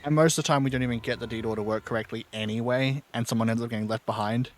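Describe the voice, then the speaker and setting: A man's voice: mid-range voice, steady tone, quick pace, slight background noise. A man giving casual, easygoing gameplay commentary as a streamer. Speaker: game streamer.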